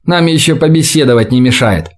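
Male reader as a calm practical soldier, dry and brisk. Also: mid-range voice, natural voice. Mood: wry. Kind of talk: audiobook character voice.

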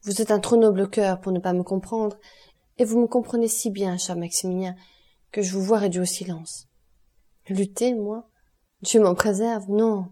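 Dutiful young heroine voiced by a woman reader, distressed and pleading, warm mellow voice. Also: medium pitch, steady tone, moderate pace, natural voice. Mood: anguished. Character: young noblewoman, anguished, dutiful, tearful. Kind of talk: audiobook character reading.

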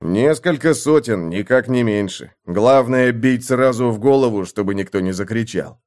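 A man voicing a steady young soldier in an audiobook, speaking firmly and earnestly. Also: mid-range voice, normal speed, lightly acted. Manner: firm, earnest. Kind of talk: audiobook character voice.

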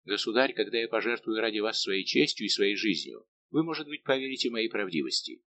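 A man's voice: lowish voice, animated, a little fast, bright, forceful tone. A man voicing a young woman in love, pleading and impassioned, in an audiobook reading with a faint hum behind.

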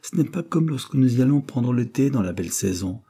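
A man's voice: medium pitch, lively intonation, a little fast, dark tone, husky, voice pushed up. A man voicing an earnest, principled young working woman in a storybook reading, speaking in a grave and admonishing way.

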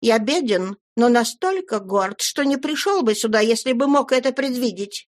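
A woman's voice: fairly high pitch, animated, normal speed, pitched above the performer's own voice, natural voice. A woman voicing a timid, humble young man who pleads earnestly and keeps saying sir.

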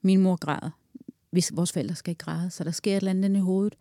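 A woman in her forties speaks frankly and earthily in an interview, walking through a hard memory in vivid detail. Her voice is mellow and soft-toned. The recording is dry and close, with no room sound. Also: on the low side, steady tone, no echo. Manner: candid, earthy, recounting loss in vivid detail. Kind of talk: personal storytelling interview.

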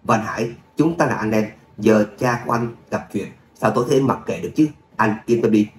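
A man voicing an arrogant, calm young heir in a roomy recording, speaking in a smug, unhurried way. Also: medium pitch, close to an everyday voice. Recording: roomy echo, faint hum.

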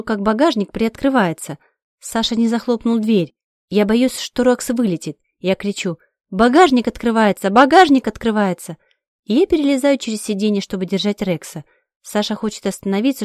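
A woman's voice: medium pitch, darkish tone, no room sound, studio quality. A woman narrating a first-person story aloud with urgent, emotional delivery. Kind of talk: first-person audiobook reading.

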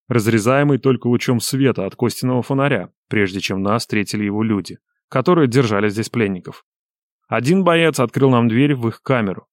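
Grim, measured male audiobook narrator, close and dry. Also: medium pitch, dry recording. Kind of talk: scripted first-person narration.

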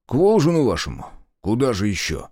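Man voicing a partisan commander, evasive, snappish, indignant, pitched up, dry close sound. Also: wildly swooping pitch, fairly quick, a little mellow, dry recording. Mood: snapping.

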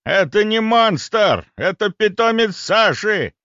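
A man voicing a gruff, boastful old grandfather who bellows, in an audiobook. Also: high-pitched, lively intonation, a little slow, no echo, highs cut off, voice pushed up. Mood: bellowing. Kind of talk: audiobook character voice.

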